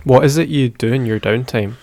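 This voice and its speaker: A man's voice: medium pitch, fairly quick, darkish tone. A man asking casual, conversational questions as an interviewer.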